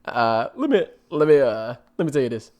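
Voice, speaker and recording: A man's voice: mid-range voice, very animated, moderate pace, darkish tone, lightly acted. A man putting on a rambling old grandpa. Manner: meandering, loses his thread.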